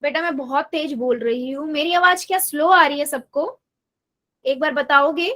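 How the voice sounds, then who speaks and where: A woman's voice: high voice, moderate pace, bright, forceful tone. A woman math teacher giving a live online class, patiently coaxing her students and repeating her questions, mixing English math terms into her Hindi.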